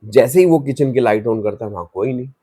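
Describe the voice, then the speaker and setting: A man's voice: medium pitch, expressive, a little fast, dark tone, breathy edge, no room sound, clean studio sound. A man telling a horror story in a loose, conversational way, with restarts, and acting out the story's voices in passing. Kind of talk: casual spoken horror story.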